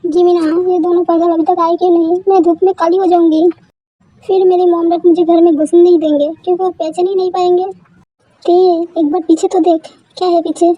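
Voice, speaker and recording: A woman's voice: extremely high pitch, flat delivery, a little fast, dry recording, muffled recording. A woman reading a fan-made love story aloud and voicing every character's bickering dialogue herself.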